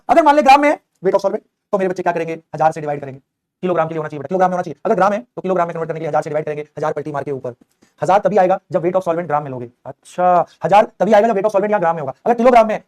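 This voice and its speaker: Fast-talking, coaxing chemistry teacher man. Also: high voice. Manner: energetic, coaxing, voices students' replies himself. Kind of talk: online lecture.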